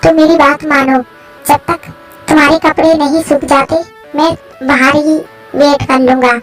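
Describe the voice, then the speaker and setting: Woman doing a worried young man, fan story voice, pleading, fretful, high-pitched. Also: level tone, a little slow, faint music behind. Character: anxious protective young man.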